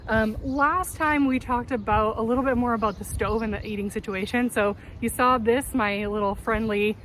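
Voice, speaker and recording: A woman with a fairly high voice chats casually to the camera like a gear vlogger. She sounds upbeat and keen. She is recorded outside in a city backyard, with clear wind and traffic noise around her. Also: fairly even intonation, normal speed, a bit bright. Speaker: vlogger presenting hiking gear. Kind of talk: casual chatty gear talk to viewers. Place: outdoors in a windy city backyard. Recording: noisy outdoor city ambience, wind and traffic. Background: wind, vehicles, urban outdoor noise.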